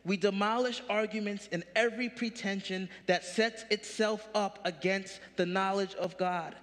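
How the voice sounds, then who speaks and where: A pastor in his thirties preaches from a large church stage, his high-set voice rising into punchy questions at a normal pace. Animated and direct, he is in full sermon mode, and the long reverb of the big hall rings around him.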